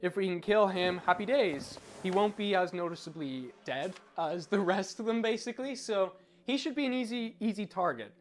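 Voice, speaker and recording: A man's voice: high-pitched, normal speed, hardly any pauses. A man giving casual live game commentary as a streamer, chatty, informal and self-deprecating.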